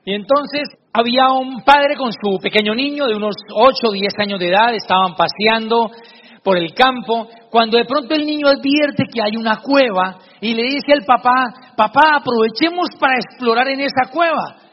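A man's voice: very high-pitched, normal speed. A man giving a preachy motivational talk to a live audience and telling a story, in a large hall with a dull live recording. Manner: preachy, addresses the audience directly. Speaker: motivational speaker.

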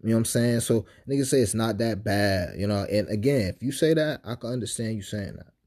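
Husky-voiced sarcastic podcast host. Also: male voice, on the low side, fairly quick. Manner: sarcastic, animated, conversational with slang and frequent "you know what I'm saying". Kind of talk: casual podcast monologue.

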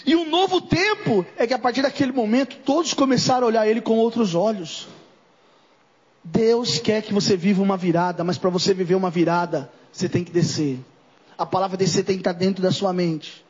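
A man's voice: sits high, darkish tone, husky, long reverb tail, highs cut off. A Brazilian man preaching an impassioned sermon, often putting questions straight to his congregation. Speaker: apostle preaching. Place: church service.

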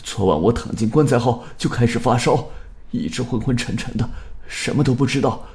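A man's voice: medium pitch, a little fast, a little mellow, natural voice. A man doing a feverish, stammering young man. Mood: shaken.

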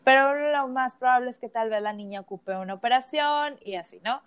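A woman's voice: high-pitched, fairly quick, clear, resonant tone. A woman co-hosting a podcast, telling a personal story in casual chat with plenty of fillers. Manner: chatty storytelling with many fillers. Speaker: podcast co-host. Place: lives in California.

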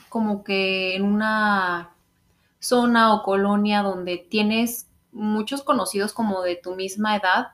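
A young woman with a Mexican accent chats casually as a podcast co-host. Her voice sits at an average pitch, and she talks in an informal, playful way. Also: fairly bright tone. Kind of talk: casual chat.

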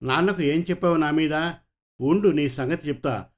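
A man voicing a spoiled, mischievous little girl from a storybook, teasing and cheeky, in a fairly high male voice. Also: moderate pace, lightly acted.

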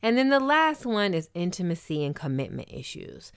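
Woman, low voice, dry close sound, candid, wry, casual talk. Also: moderate pace, clear, resonant tone, dry recording. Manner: expressive, candid, wry asides. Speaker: host.

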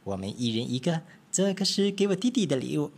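Brief: man playing three chirpy storybook mice, high and bouncy. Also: very animated, gravelly, slightly rough, heavily acted. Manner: chirpy, cheerful, quick questions. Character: three chattering little mice, small and eager.

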